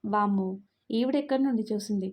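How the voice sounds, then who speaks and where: Lovesick young guy, teasing and tender, a lady reading it out, mellow warm tone, story audio. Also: mid-range voice, fairly quick, lightly acted. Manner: fond, pleading and playful.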